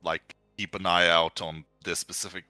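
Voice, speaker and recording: A man's voice: deep voice, flat delivery, moderate pace, pushed and bright, smooth, dry recording, faint music behind. A man playing a tabletop game who lays out his character's actions step by step. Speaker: player.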